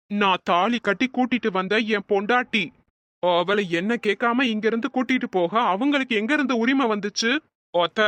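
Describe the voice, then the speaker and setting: A performer voicing a hot-headed young husband in a cartoon story, indignant and quick to anger. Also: mid-range voice, pushed and bright, no room sound, close to an everyday voice.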